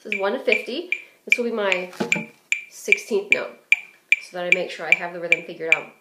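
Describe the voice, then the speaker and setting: A woman's voice: fairly low pitch, moderate pace, very noisy. A woman giving a clarinet lesson, explaining phrasing and fingerings in a practical way with frequent fillers. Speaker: clarinet teacher. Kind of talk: instructional music lesson. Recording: roomy echo.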